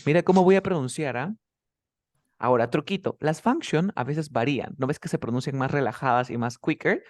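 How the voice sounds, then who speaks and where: A man's voice: a little high, no echo. Man teaching pronunciation in a dry-sounding recording. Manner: demonstrative, repeats example sentences slowly to model stress; quizzes the student with quick questions. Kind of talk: one-on-one language lesson.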